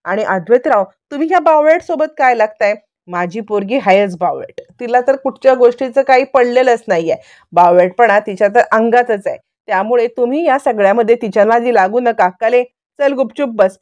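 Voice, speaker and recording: Woman doing a bossy mom telling everyone off, highish voice. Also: normal speed, darkish tone, lightly acted. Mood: scolding. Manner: scolding, bossy. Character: scolding middle-aged mother.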